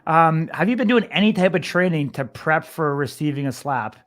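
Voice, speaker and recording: Male sports interviewer, slightly high voice, conversational, wordy and rambling with his questions. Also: animated, moderate pace, a bit bright.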